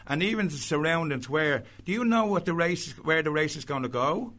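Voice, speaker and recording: Bright-voiced Irish man presenting radio. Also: a little high, expressive, brisk. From Ireland. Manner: teasing, jokey. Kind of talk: casual live banter. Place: radio studio. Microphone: studio microphone.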